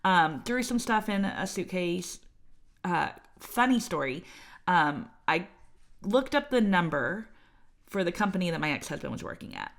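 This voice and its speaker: A woman's voice: lowish voice, gravelly. A woman, chatting as podcast co-host and telling a personal story with lots of fillers and quoted voices. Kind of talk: casual chat, telling her birth story.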